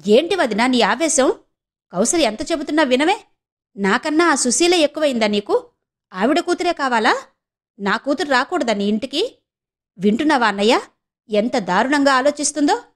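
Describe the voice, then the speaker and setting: A woman's voice: high-pitched, animated, moderate pace, voice pushed up. A woman voicing a quarrelsome middle-aged sister-in-law with a sarcastic, needling manner. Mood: taunting.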